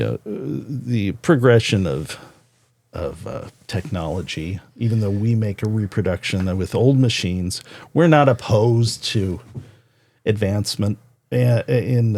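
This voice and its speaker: A man hosting a casual chat podcast, playful and teasing, often pausing and restarting as he thinks. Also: fairly low pitch, a little mellow, no room sound. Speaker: podcast host.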